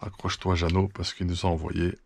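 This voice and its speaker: Man host, deep flat gravelly voice, chatty thankful unboxing talk. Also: brisk, slight background noise. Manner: chatty, thankful, many fillers and restarts. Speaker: RC hobby channel host. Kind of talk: casual unboxing chat.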